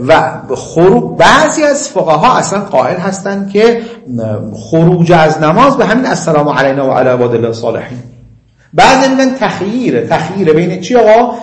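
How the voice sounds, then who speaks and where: A man lecturing on religious law, reciting Arabic passages slowly and explaining them in quick, conversational asides. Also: high-pitched, sing-song, roomy sound. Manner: slow chanting of quoted Arabic, quick asides. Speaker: seminary lecturer.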